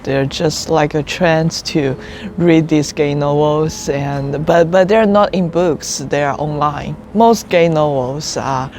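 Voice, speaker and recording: A young Chinese woman in her twenties, a native Chinese speaker, answers interview questions openly and frankly, often restarting and laughing. Recorded outdoors on a rooftop terrace with slight background noise, her voice is low, a little mellow, and slow.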